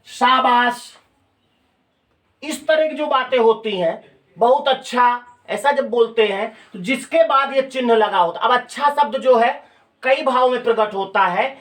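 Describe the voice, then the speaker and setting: A man's voice: very high-pitched, unhurried, fairly bright tone. A male teacher giving a grammar lecture, explaining step by step and asking students questions. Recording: voice from a distance off the mic.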